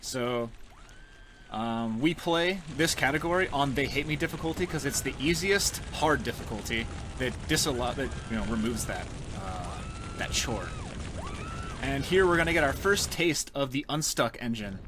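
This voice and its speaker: A man speedruns a video game while offering casual, tongue-in-cheek live commentary. His medium-pitched voice is expressive and moves at normal speed. Game sounds and clicks are clearly audible in the background.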